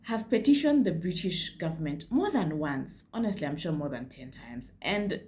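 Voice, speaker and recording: A woman's voice: low-pitched, lively intonation, moderate pace, a little mellow. A Kenyan woman hosting a casual history vlog, chatty, with frank asides and slips into Swahili. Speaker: history channel host.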